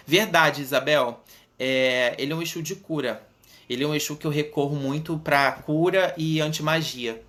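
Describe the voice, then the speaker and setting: A man's voice: fairly high pitch, fairly bright tone. A man in his thirties with a Brazilian Portuguese accent, an Umbanda medium earnestly telling his own story on a livestream. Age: 30s. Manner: earnest, unhurried, frequent tag questions.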